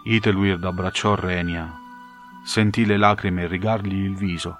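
A man narrating a fantasy audiobook in a measured, dramatic storytelling manner. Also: deep voice, fairly even intonation, a bit bright, faint music behind.

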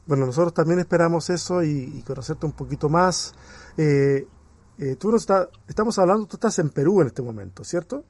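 A man's voice: fairly high pitch, expressive, fairly quick, a little mellow. A man hosting a podcast interview, speaking in an encouraging, reflective way, with light guitar music behind him. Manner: reflective, encouraging, tells a Bible story. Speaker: podcast host.

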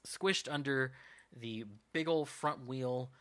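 A man's voice: medium pitch, slow, fairly bright tone. A man narrating a tabletop game as game master, rambling with lots of ums and uhs.

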